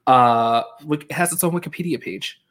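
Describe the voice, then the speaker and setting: A man from Long Island, a guest on a podcast, chatting casually with quick asides. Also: fairly high pitch, a bit bright. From Long Island, New York. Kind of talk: casual chat.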